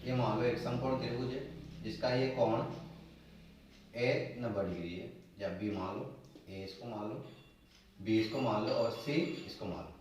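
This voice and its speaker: A man's voice: lowish voice, a little slow, long pauses, noisy background. Echoey distant maths teacher, man. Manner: repeats key terms as questions to students. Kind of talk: blackboard maths lesson.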